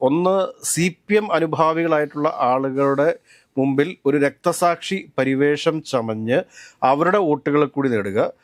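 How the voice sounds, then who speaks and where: A man's voice: on the high side, measured pace, no room sound, clean studio sound. A man co-hosting a political discussion, arguing his points casually and firing off pointed rhetorical questions.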